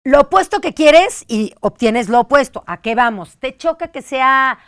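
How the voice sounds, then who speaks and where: A woman with a fairly high voice leads the interview. The sound is close and dry, and she answers her guest with engaged, affirming remarks. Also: animated, measured pace, fairly bright tone, dry recording. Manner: engaged, frequent affirming "ujú". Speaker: host. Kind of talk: interview conversation.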